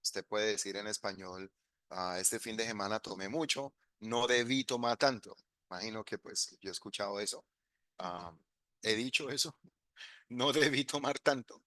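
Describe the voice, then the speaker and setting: A man teaches a live online English class, working through grammar step by step and moving back and forth between Spanish and English examples. His voice is bright and forward, and it sounds dry and close, with no room around it. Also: lowish voice, no echo.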